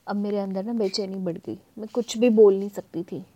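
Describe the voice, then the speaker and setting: A woman narrating a first-person audio story in an intimate, breathy storytelling manner. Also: mid-range voice, fairly even intonation, brisk, mellow.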